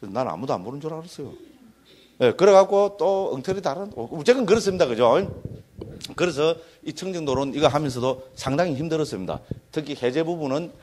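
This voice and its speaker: A middle-aged man with a Gyeongsang accent, lecturing as a Buddhist monk to a class. His voice sits a little higher than most men's. He talks in a loose, chatty way and keeps asking his listeners to agree with him. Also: animated, fairly quick, a little mellow.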